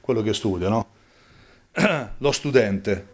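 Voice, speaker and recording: A man preaching a sermon, asking rhetorical questions and rising sharply in pitch for emphasis. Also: lively intonation, slow.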